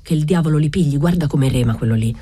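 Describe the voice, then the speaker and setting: A woman's voice: low-pitched, fast talker, mellow, slightly rough, dry recording, clean studio sound. A woman reading an audiobook voices a hot-tempered male fisherman who mutters curses and resents the Spanish soldiers. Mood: scornful.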